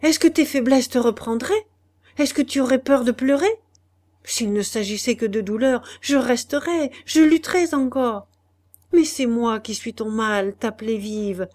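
Desperate young wife, grim and set on her choice, high and loud, pleading then harsh, as a woman reads her in an audiobook. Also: unhurried, lightly acted. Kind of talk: audiobook dialogue reading.

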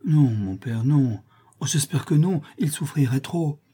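A man's voice: on the high side, animated, measured pace, mellow, husky, pitched above the performer's own voice. A man voicing a tearful shy young girl. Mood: distressed. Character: tearful shy young woman, gentle and pious. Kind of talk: audiobook reading.

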